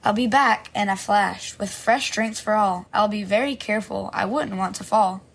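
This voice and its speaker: A cheerful young male waiter who answers every order in sing-song rhyme, as a woman plays him. The voice is husky and middle-pitched, friendly and eager to please in this audio story. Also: normal speed. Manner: sing-song rhyming speech.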